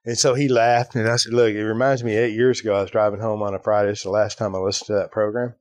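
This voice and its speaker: An Irish podcast host tells a story in a fast, lowish voice with a darkish tone and little pitch movement, recorded with no room sound. It's a casual chat full of asides, and he acts out quoted voices and tags lines with fillers like "right?"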